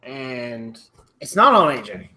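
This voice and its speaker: A man's voice: medium pitch, sing-song, takes it slowly, pushed and bright. A man hosting a casual chat, rambling with restarts and the odd swear. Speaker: rugby podcast host.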